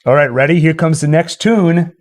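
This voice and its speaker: A man with a somewhat high, slightly mellow voice speaks at a moderate pace while hosting a casual livestream, addressing viewers directly. Game and tune music plays behind him.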